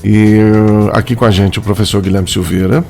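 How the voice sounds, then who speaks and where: Chatty gravelly Brazilian radio host. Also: male voice, on the low side, little pitch movement, moderate pace, dark tone, faint music behind. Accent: Brazilian Portuguese. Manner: chatty, jokey, filler-heavy. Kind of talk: casual radio interview. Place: radio studio. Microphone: studio microphone.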